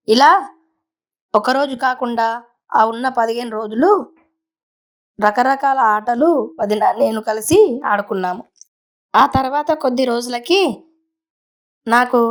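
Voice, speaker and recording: Woman storyteller, slightly high voice, casual first-person telling, unhurried.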